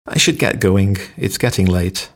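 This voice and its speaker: With a deep, animated voice at a moderate pace, a man reads everyday phrases aloud for learners. Every short stand-alone sentence gets its own acted intonation.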